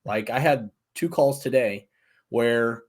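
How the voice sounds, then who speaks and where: A chatty man hosts a casual podcast interview and pokes fun at himself along the way. His pitch sits in the middle range, and he lets his questions wander as he goes. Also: takes it slowly. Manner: chatty, self-deprecating, asks loose questions. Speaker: podcast host.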